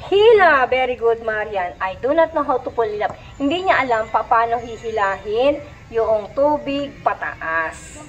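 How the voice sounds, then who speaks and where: A woman with a Filipino accent teaching a reading lesson, reading English sentences slowly and then explaining them in Filipino with quick questions to the children. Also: a little high, lively intonation, soft background music. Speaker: reading tutor. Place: classroom with children responding.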